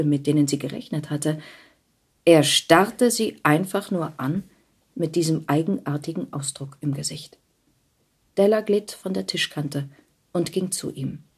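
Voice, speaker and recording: A woman narrates a story with intimate expression. Her voice is low and husky. The ends of her phrases often fade to a breathy softness. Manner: intimate, expressive storytelling with soft dropped endings. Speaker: actress reading a story. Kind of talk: audiobook narration.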